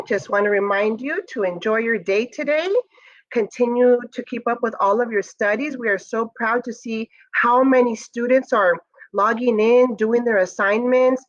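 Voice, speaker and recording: A woman with a slightly high voice reads a picture book to young pupils at a slightly slow pace, speaking expressively and turning to her listeners with direct asides. The audio sounds dull.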